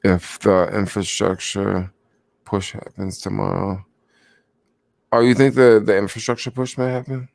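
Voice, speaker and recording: A man's voice: on the low side, little pitch movement, unhurried, creaky, a little mellow, no echo, clean studio sound. A young man chatting casually about stocks on a livestream, rambling with lots of fillers and answering viewers, sounding sleepy. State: sleepy, yawning. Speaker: stock vlogger.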